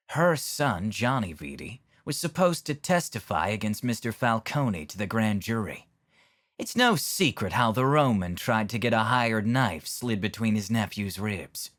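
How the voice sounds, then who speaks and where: An actor playing a smug, pompous villain obsessed with riddles, posing questions theatrically in a scripted motion comic. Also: male voice, lowish voice, fairly bright tone, heavily acted.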